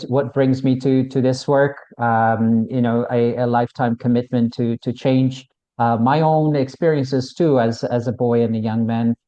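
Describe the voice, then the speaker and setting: Hesitant middle-aged man, dark flat voice. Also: medium pitch. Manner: halting, many fillers and repeated words. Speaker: panelist. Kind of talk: panel self-introduction. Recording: slightly dull audio.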